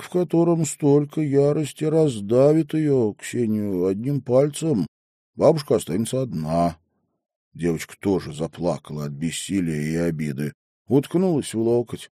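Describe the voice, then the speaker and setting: Low, dark-voiced male narrator. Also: no echo, clean studio sound. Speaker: audiobook narrator. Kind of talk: expressive audiobook narration.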